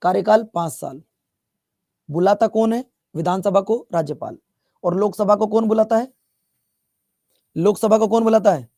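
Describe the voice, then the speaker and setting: A man's voice: high-pitched, moderate pace, pauses often, dark tone, no room sound, studio quality. A male teacher from Bihar giving a chatty classroom lecture, repeating his questions and teasing students as he scolds them. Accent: Bihar Hindi.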